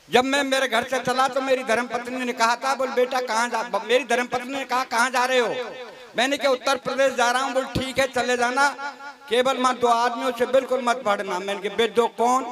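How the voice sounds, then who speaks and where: High-voiced male comic poet on stage. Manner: storytelling with mock dialogue, teasing fellow poets. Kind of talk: comic poetry recital. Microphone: stage microphone. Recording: live crowd behind the voice.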